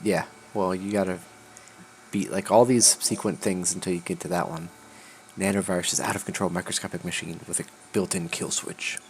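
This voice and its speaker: A man's voice: low voice, steady tone, a little fast, a little hiss or hum. A man hosting a casual game stream, laid-back, reading game text aloud with dry asides. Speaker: channel host. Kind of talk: casual gaming chat.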